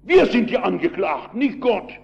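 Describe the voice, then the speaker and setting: An older pastor preaches with emphatic, impassioned force in a fairly high voice. The recording is dull and lo-fi. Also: male voice, sing-song, normal speed, vocal fry. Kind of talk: sermon.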